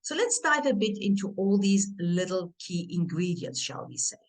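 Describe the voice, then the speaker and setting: A woman's voice: mid-range voice, sing-song, moderate pace, low-quality recording. A middle-aged woman from Turkey who grew up in Germany, giving an encouraging online coaching workshop over a video call. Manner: warm, encouraging, interactive with audience. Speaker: career and family coach.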